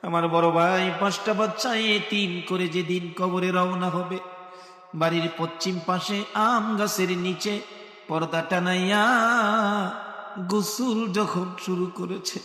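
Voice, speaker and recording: A man's voice: high voice, steady tone, slow, a bit bright. A man from preaching a sung waz sermon at a religious gathering, chanting in a melodic, wailing way. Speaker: Islamic preacher. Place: large religious gathering over loudspeakers. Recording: echoey hall sound with faint music.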